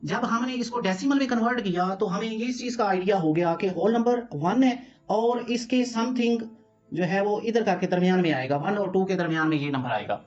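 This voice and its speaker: Patient Pakistani math teacher explaining steps. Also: male voice, high voice, darkish tone, highs cut off, soft background music. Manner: patient, explains each step slowly. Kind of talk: step-by-step math lesson.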